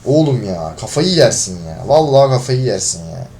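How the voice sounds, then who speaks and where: Frustrated young-sounding gamer man, lively voice. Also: mid-range voice, moderate pace. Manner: frustrated, swearing, shouts when losing. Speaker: gaming video creator. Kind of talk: live gameplay commentary.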